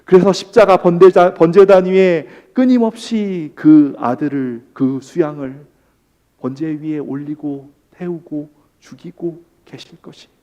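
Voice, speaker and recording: A man preaching a sermon as pastor, who moves between hushed, slow emphasis and loud, impassioned pleading. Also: fairly high pitch.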